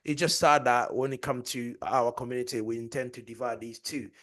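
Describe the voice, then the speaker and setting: A man's voice: mid-range voice, steady tone, fairly quick, fairly bright tone. A man co-hosting a casual podcast chat, talking in a boastful, joking way and laughing often. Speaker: podcast co-host and powerlifter.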